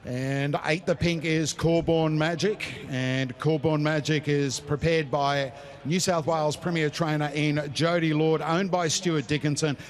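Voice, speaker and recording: A man with an Australian accent and a slightly raised pitch, hosting a greyhound racing broadcast. He runs through form and odds in the manner of a betting tipster. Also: fairly even intonation, measured pace.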